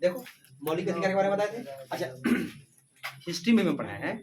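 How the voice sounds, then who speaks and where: A man's voice: high-pitched, big pitch swings, brisk, far from the mic, crowd noise. A male teacher lecturing and drilling a class, repeating questions and calling students beta. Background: students answering.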